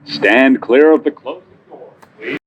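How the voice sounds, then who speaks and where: A man's voice: mid-range voice, unhurried, slightly rough. A man giving a short, instructive recorded safety announcement over a muffled subway speaker.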